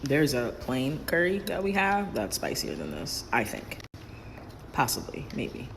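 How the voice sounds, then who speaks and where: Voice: mid-range voice, huge pitch swings, measured pace, gravelly, noisy background. A person chatting casually for a food tasting vlog, chewing while talking and short of breath from spicy food.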